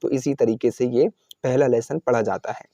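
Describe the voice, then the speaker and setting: A man teaching Quran reading, patiently sounding out letters syllable by syllable in a slow step-by-step drill. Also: medium pitch, fairly even intonation, gravelly, warm tone, dry recording.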